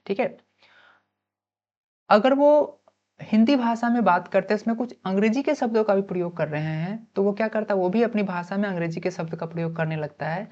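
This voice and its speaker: A woman gives an exam-prep lecture at a middle pitch, posing questions and answering them herself. She mixes English terms into her explanations and spells words out letter by letter. The recording sounds dull and lo-fi. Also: fairly quick, a little mellow. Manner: explains by asking and answering her own questions, with frequent "ठीक है" check-ins. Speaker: teacher.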